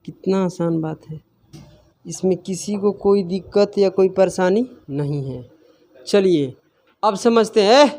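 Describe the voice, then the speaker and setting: High-voiced male maths teacher. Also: unhurried, a little mellow. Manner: asks students constant questions, then answers them himself; scolds students for laughing. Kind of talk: classroom maths lesson.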